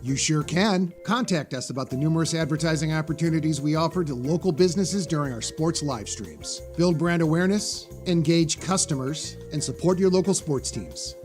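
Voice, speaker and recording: Male ad announcer, slightly high voice, punchy delivery, soft music behind. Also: brisk, hardly any pauses. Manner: punchy ad read. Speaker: advertisement announcer. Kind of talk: commercial voice-over.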